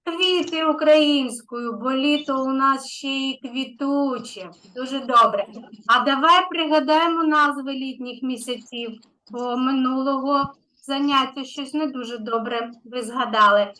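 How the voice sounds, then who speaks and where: Slow, patient high-voiced woman teacher. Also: bright, forceful tone, poor audio. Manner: slow, patient and encouraging, stretching key words. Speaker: kindergarten teacher. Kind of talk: online lesson with a young child.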